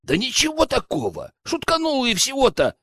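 A man's voice: sits high, animated, fairly quick, a bit bright, no echo, studio quality, pitched above the performer's own voice. A man voicing a young male city joker who protests that he did nothing wrong, in an audiobook. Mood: indignant. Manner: defensive, protesting.

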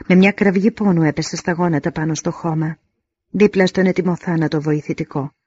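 A man reading a novel aloud in a measured, solemn first-person narration, on a dull lo-fi recording. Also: a little high, fairly even intonation, darkish tone, breathy edge, no echo. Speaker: audiobook narrator. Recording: dull lo-fi audio.

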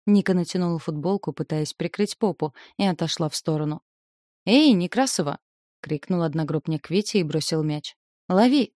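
A woman reading a novel aloud as an audiobook narrator, in an even, measured storytelling way. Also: low-pitched, no echo, studio quality. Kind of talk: scripted narration.

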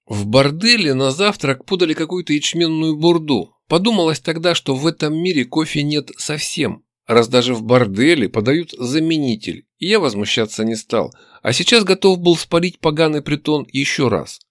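A man reading a first-person story aloud in a wry, expressive way. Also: fairly high pitch, moderate pace, hardly any pauses, dry recording, clean studio sound. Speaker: audiobook narrator. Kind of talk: first-person audiobook narration.

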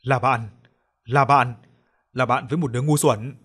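A man's voice: mid-range voice, steady tone, normal speed, a bit bright, breathy edge. Man doing an eerie chanting ghost girl.

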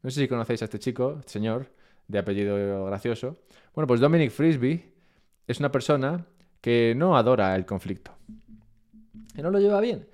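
He's a Spanish man talking to his live-stream chat from home, his accent distinctly Spain Spanish. Medium in pitch and moderate in pace, he leaves long pauses while rambling in a relaxed, self-deprecating manner.

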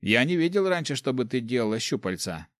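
Young novice mage of an audiobook, curious and quick with questions, as a male narrator reads him slightly higher. Dry sound. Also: big pitch swings, no room sound, natural voice.

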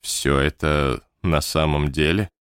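A man voicing a gentle, anxious young man who speaks softly and tenderly. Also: a bass voice, fairly even intonation, slow, clean tone, dry recording, clean studio sound, voice pushed down, full character voice. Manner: soft, hushed, tender.

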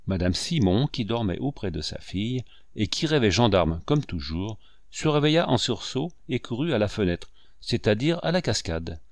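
A man narrating a classic novel in a lively, theatrical audiobook reading. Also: fairly low pitch, normal speed, no room sound, clean studio sound. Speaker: audiobook reader. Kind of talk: expressive literary narration.

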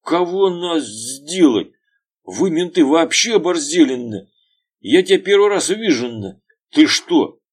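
A man doing a furious hoarse bully boss. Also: fairly high pitch, sing-song, a little slow, voice pushed up. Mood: enraged. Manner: hoarse shouting, swearing. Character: furious burly male construction boss, crude bully.

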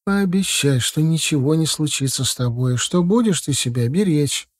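Мужчина изображает причитающую встревоженную мать. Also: male voice, lively intonation, normal speed, no echo, studio quality. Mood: pleading. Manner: wailing, pleading, high-pitched. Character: anxious tearful middle-aged mother, fussing.

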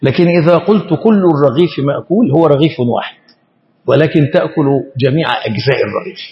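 Deliberate Egyptian sheikh, lo-fi lesson. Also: male voice, fairly high pitch. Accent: Egyptian Arabic. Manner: slow and deliberate, often stumbling and repeating syllables. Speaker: Islamic scholar teaching hadith. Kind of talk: classroom lesson explaining grammar and meaning.

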